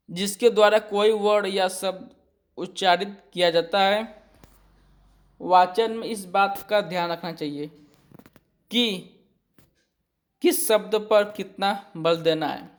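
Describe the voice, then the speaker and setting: Slow, high-voiced male teacher. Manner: slow and deliberate, often checking with "ठीक है"; reads a point, then restates it in simpler words. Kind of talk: exam-prep lesson, reading notes and explaining.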